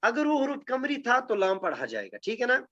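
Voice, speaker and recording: A man's voice: very high-pitched, wildly swooping pitch, pushed and bright. A man teaching a class, explaining step by step and checking in with his students over and over. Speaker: Quranic Arabic grammar teacher. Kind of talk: classroom lesson with recitation. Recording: dull lo-fi recording.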